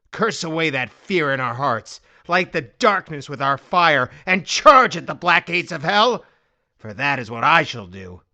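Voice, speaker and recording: Man acting a hoarse, fervent warrior commander. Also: fairly high pitch, sharp tone, exaggerated voice. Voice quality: hoarse, cracking but strong. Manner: impassioned, oratorical, defiant. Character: defiant, fervent male warrior commander rallying his army. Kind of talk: dramatic fantasy audiobook acting.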